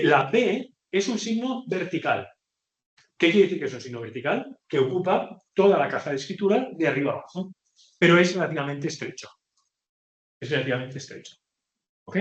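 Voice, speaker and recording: Echoey man teaching a class. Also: a little high. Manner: explains patiently, often checks in with "ok?". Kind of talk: classroom lecture.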